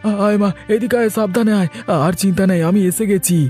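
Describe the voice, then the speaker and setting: A man's voice: high-pitched, steady tone, quick pace, darkish tone, soft background music, lightly acted. A man voicing a stubborn young cartoon son. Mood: reassuring father. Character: stubborn young son and calm protective father.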